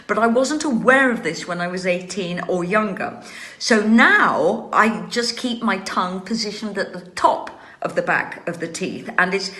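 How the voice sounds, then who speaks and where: This woman in her sixties leads an informal session from home, responding to questions from viewers with precise, well-trained diction. The recording sounds roomy, and her mid-range voice has a slightly bright quality.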